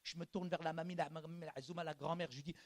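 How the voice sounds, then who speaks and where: A male pastor preaching a sermon in a church, animated and colloquial, moving from hushed lines to shouting. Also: fairly high pitch, racing. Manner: colloquial street slang.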